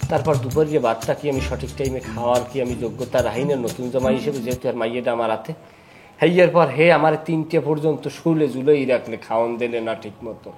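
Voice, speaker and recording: A man's voice: medium pitch, brisk, faint music behind, close to an everyday voice. A man playing a grumbling new son-in-law. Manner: complaining, sarcastic, rising to loud outbursts. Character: grumbling young male son-in-law, aggrieved. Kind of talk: village comedy drama acting.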